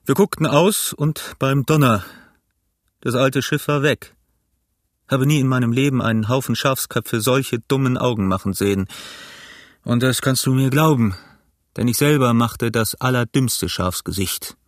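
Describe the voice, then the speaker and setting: A sly old pirate cook speaks in an amiable, easygoing tone that never quite hides the threat behind it, as a man reads him. The voice sits at an ordinary middle pitch. It is recorded close and dry for an audiobook. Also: a little slow, no room sound, natural voice. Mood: genial. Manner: smooth, amiable tone masking menace. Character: cunning, genial old male pirate cook.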